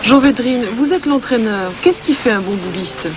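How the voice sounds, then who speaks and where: A woman's voice: on the high side, expressive, moderate pace, noisy background. A female interviewer asking brief, polite questions. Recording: muffled old outdoor news footage.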